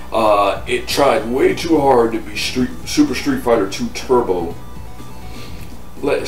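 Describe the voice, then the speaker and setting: An American man in his thirties hosts game reviews, talking bluntly and casually to camera from a couch in his living room. His mid-range voice has a darkish tone, and he repeats himself for emphasis in this opinionated vlog. The audio sounds roomy, with a distant mic and music playing behind him.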